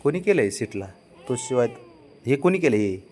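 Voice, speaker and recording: A man talking casually to his pet cat, coaxing, pleading and gently scolding it. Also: mid-range voice, very animated, moderate pace, slight background noise. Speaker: pet owner.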